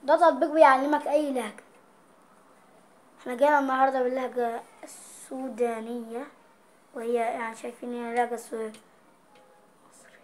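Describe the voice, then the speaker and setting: In a casual vlog, a woman with an Egyptian accent playfully reads out dialect words and explains their meanings. Her voice is fairly high and darkish, with a level tone and a fairly quick pace.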